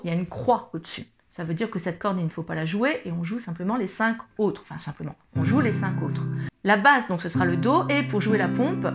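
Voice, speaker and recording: A woman who teaches school explains guitar chords step by step, speaking informally and patiently to the viewer. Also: mid-range voice. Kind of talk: guitar tutorial. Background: acoustic guitar playing.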